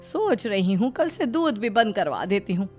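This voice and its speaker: A woman's voice: mid-range voice, big pitch swings, moderate pace, a little mellow. A woman voicing a crafty, firm middle-aged mother-in-law in a cartoon story, coaxing and pleading by turns. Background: faint background music.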